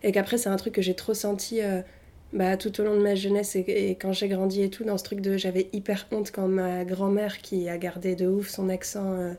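A woman's voice: mid-range voice, little pitch movement, normal speed, dark tone. A young woman from Tunisia, a native Arabic speaker, talking casually and hesitantly about her life, with slang and many fillers. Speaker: interviewee. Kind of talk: casual personal testimony.

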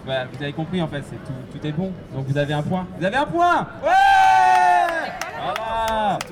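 A man hosting a public quiz at an outdoor gathering, animated and upbeat, calling out answers to the crowd. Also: high voice, moderate pace, very noisy. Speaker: quiz host at a rally. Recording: distant outdoor recording with a crowd.

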